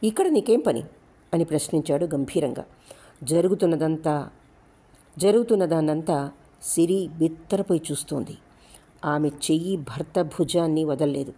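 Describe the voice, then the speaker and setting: Husky-toned woman narrating a story. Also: deep voice, moderate pace, long pauses. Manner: steady, dramatic storytelling. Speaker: audiobook narrator. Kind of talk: scripted narration.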